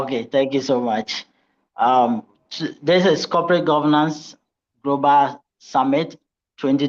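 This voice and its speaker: A man moderating a conference panel, slow and hesitant with many ums. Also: a little high. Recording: dull lo-fi audio.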